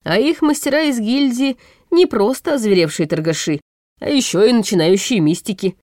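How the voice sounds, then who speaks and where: A woman's voice: fairly high pitch, expressive, normal speed, a little mellow, no echo, studio quality, pitched above the performer's own voice, lightly acted. Lucius, a woman reading a bitter, scornful vice-chancellor. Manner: snappish, scornful. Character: bitter sharp-tongued male vice-chancellor.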